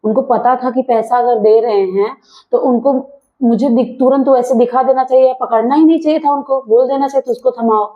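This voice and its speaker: A woman with a fairly high voice argues sulkily and sarcastically as a wife in a scripted family comedy skit. The recording is dull and lo-fi, like home video. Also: steady tone, brisk. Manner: sulky, sarcastic arguing.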